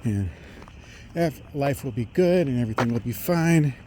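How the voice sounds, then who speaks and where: A middle-aged man thinks aloud in a halting technical monologue while walking outdoors along a road. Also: mid-range voice, lively intonation. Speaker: vlogger. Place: outdoors on a residential roadside. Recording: outdoor street noise, passing vehicles.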